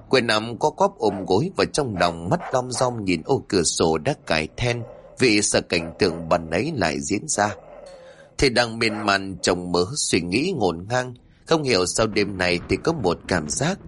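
A man narrating a horror story in a suspenseful, measured way. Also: fairly low pitch, a little hiss or hum.

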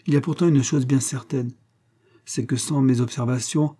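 A man's voice: medium pitch, fairly even intonation, moderate pace, dark tone, pitched above the performer's own voice, close to an everyday voice. A man reading aloud as an earnest, lovesick colonel, speaking with passion and gravity. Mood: wistful. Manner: passionate, grave.

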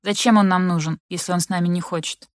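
A woman's voice: on the low side, fairly even intonation, fast, dry recording, clean studio sound, lightly acted. A woman voicing a sleepy boy whose voice is breaking, speaking bluntly, in an audiobook. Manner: blunt, childish.

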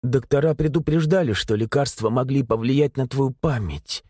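A man voicing a timid, tearful middle-aged mother who speaks softly and pleads. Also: mid-range voice, moderate pace, no echo, clean studio sound, close to an everyday voice. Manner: soft, pleading.

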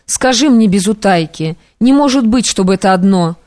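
A woman's voice: medium pitch, expressive, normal speed, darkish tone, no room sound, studio quality, close to an everyday voice. A woman voicing a devoted young male friend who speaks urgently and beseechingly, in an audiobook. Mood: worried.

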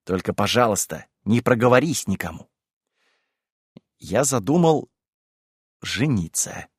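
A man voicing a polite, scheming middle-aged gentleman who talks evasively and with wounded dignity in an audiobook reading. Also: on the low side, very animated, a little slow, breathy edge, no echo, studio quality, pitched below the performer's own voice, full character voice. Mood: wheedling.

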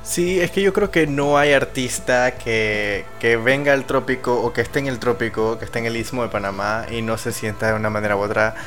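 A man's voice: medium pitch, brisk, hardly any pauses, fairly bright tone. A man from El Salvador hosting a live-streamed music show, talkative and making joking asides to the listeners. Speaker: radio show host. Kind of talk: live-streamed radio interview talk.

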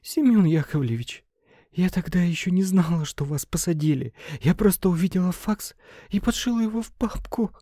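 A timid young secretary, sobbing and frightened, her voice pushed up very high and thin, as a male storyteller puts her on. She wails each answer in a plaintive, shaky tone, close and dry in an audiobook reading. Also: expressive, normal speed, dark tone, no echo. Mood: tearful, frightened.

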